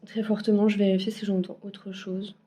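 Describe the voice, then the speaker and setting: Woman card reader, casual forecast, halting with fillers, mellow tone, phone-recorded. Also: medium pitch, little pitch movement, faint music behind. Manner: hesitant, many fillers and restarts. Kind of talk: casual weekly energy forecast. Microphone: phone camera.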